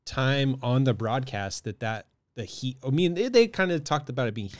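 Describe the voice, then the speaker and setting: A man's voice: medium pitch, expressive, moderate pace, no room sound. A man co-hosting a casual podcast, talking loosely with lots of fillers and trailing phrases. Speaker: podcast co-host. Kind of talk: casual chat.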